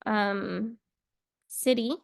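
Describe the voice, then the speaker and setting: A woman's voice: mid-range voice, fairly even intonation, very slow, gravelly, no room sound, studio quality. A young woman teaching a casual English lesson to camera, chatty and playful, wandering off into little asides.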